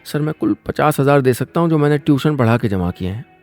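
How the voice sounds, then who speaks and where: A man's voice: medium pitch, animated, fast, a little mellow, faint music behind, natural voice. A man voicing a meek, anxious young male job seeker who answers politely and hesitantly. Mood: pleading.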